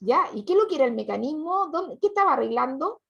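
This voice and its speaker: A woman's voice: sits high, sing-song, fast talker, vocal fry, fairly bright tone. A woman, teaching a class patiently, asking questions and repeating students' answers. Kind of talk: online class lesson. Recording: dull lo-fi recording.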